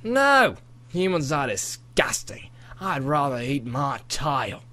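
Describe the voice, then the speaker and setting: A man's voice: mid-range voice, big pitch swings, slow, pushed and bright, heavily acted. A man voicing a friendly, chatty male dragon with a put-on Australian accent in an amateur audiobook.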